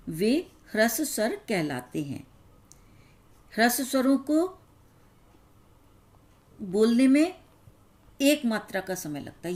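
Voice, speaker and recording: Slow, patient woman teaching grammar. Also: mid-range voice, a little mellow. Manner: slow, explaining step by step with examples. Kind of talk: classroom grammar lesson.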